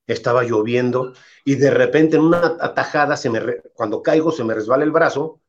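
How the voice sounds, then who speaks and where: A man, a former goalkeeper, telling anecdotes in an interview with lively asides. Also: medium pitch, fairly quick, lo-fi sound. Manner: animated anecdotes, quotes the coach in character. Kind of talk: casual interview storytelling.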